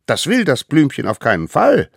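A man voicing a tiny, eager boy caveman hunter with a high, pleading, fussy voice. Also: wildly swooping pitch, normal speed, gravelly, slightly rough, dry recording, studio quality, exaggerated voice.

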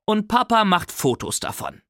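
A man voicing a firm but caring mother, speaking softly, in a storybook reading. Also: high voice, wildly swooping pitch, normal speed, dry recording, clean studio sound, pitched above the performer's own voice, full character voice. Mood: soothing.

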